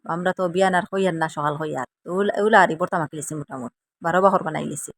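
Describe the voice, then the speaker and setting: A woman's voice: on the low side, very fast. A woman from Assam with a Sylheti accent, chatting to viewers in a casual cooking vlog in a rambling, chatty way. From Assam, India. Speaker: vlogger.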